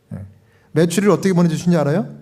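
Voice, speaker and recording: A man with a notably high voice delivers a sermon as pastor. He teaches by posing questions to his listeners and slips into plaintive little prayers to make his point. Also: dark tone. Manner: explains with questions to the congregation, acts out prayers.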